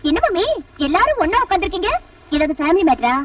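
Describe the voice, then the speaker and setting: A woman's voice: very high-pitched, very animated, quick pace, a little hiss or hum. An actress playing a rich, educated young woman who speaks boldly and forthrightly. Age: young adult. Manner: teasing, forthright. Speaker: heroine. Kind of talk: Tamil film dialogue. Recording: distant film soundtrack with music.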